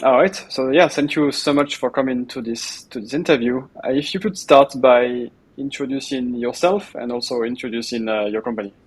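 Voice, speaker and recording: A man's voice: mid-range voice, normal speed, hardly any pauses, slightly rough, rough recording. A man hosting an interview, asking friendly, short questions with some fillers. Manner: friendly, brief prompts with fillers. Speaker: interviewer, host.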